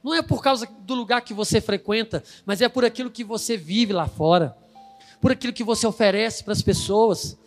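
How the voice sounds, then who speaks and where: A man's voice: high-pitched, moderate pace, long reverb tail, soft background music. A male pastor preaching a sermon, emphatic and storytelling, acting out the quoted voices.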